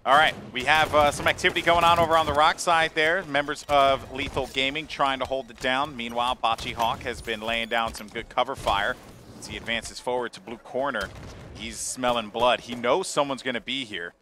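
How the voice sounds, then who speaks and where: A man's voice: mid-range voice, steady tone, normal speed, sharp tone, a little hiss or hum. A man giving live esports commentary with playful, slangy banter.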